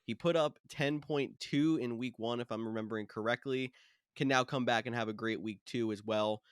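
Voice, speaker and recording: A man's voice: medium pitch, steady tone, normal speed, smooth, no room sound, studio quality. A man co-hosting a casual fantasy football podcast, giving matter-of-fact player advice. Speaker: podcast co-host.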